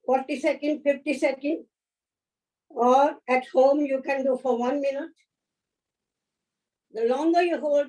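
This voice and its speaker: A woman leading a yoga class, giving gentle, unhurried instructions, counting holds and offering encouragement. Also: high voice. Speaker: yoga teacher. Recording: voice from a distance off the mic.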